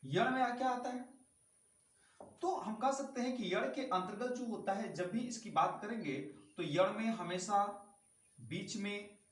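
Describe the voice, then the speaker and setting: High-voiced male teacher in an echoey room. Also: unhurried, distant mic. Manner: explaining step by step, repeating key sounds and asking rhetorical questions. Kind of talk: classroom grammar lesson.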